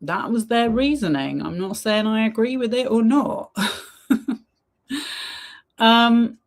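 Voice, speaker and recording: A woman's voice: on the high side, slow pace. A woman streamer giving casual reaction commentary, chatty and full of ums as she retells events. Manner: chatty, many ums, retells with quoted lines.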